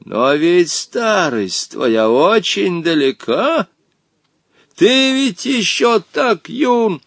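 A man voicing a vengeful ancient male genie who speaks pompously in slow, drawn-out phrases. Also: high-pitched, sing-song, creaky, a bit bright, no room sound, clean studio sound, pitched above the performer's own voice, heavily acted. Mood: scornful.

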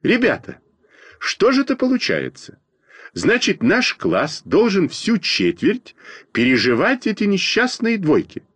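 A man's voice: high-pitched, wildly swooping pitch, unhurried, fairly bright tone, breathy edge, no echo, voice pushed up, exaggerated voice. A man voicing a fussy schoolgirl who exclaims in a flustered, alarmed way, in a storybook reading.

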